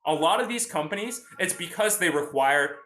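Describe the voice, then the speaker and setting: A man's voice: high-pitched, expressive, moderate pace, pushed and bright, reverberant. A young man hosting a casual livestream about finance, explaining in a chatty way and greeting viewers from the chat. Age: young adult. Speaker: host.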